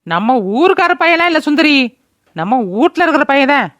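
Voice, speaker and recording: A woman's voice: sits high, big pitch swings, normal speed, fairly bright tone, dry recording, studio quality. A woman voicing a bitter old village mother-in-law who wails and curses, in a cartoon. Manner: wailing, cursing laments. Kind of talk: cartoon voice acting.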